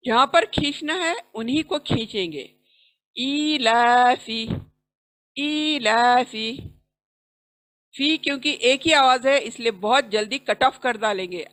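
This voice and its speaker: A woman teaching Quran recitation, chanting words slowly with long drawn syllables between quick explanations. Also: on the high side, a bit bright. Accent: Indian. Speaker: tajweed teacher. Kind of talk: recitation lesson.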